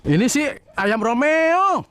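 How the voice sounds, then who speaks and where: A suspicious, hot-tempered man in a TV drama. He is accusing, with a very high voice and a slow, drawn-out delivery. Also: big pitch swings, fairly bright tone, no echo, heavily acted. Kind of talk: television drama acting.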